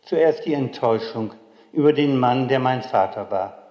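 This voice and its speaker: Older guy telling his life story slow and serious, long reverb, kinda muffled. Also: medium pitch, a little mellow. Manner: slow, solemn and reflective. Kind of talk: memoir storytelling. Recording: dull, echoey hall recording.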